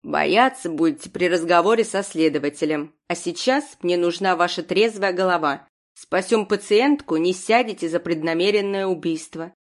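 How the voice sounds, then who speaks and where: A woman's voice: fairly low pitch, moderate pace, lightly acted. A woman voicing a commanding old woman doctor who barks orders in an audiobook. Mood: imperious. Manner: commanding, barking. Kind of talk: audiobook character voice.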